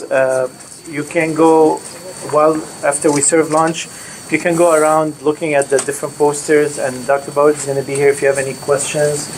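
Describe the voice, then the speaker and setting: A man's voice: fairly high pitch, a little mellow, slight background noise, poor audio. A man organizing a student field trip, making announcements and introductions with many hesitations. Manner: stop-start, many fillers.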